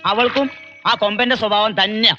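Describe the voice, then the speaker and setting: An actor playing a sly, mocking villager who tells local stories, on a dull old film soundtrack. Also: male voice, high voice, steady tone, moderate pace, bright, forceful tone, soft background music. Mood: gossiping. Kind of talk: 1990s film comedy acting.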